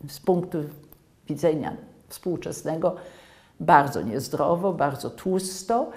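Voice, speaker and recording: A woman in her seventies sharing childhood memories in a documentary interview at home, reflective and pausing to find words. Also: sits low, darkish tone. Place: quiet living room at a table.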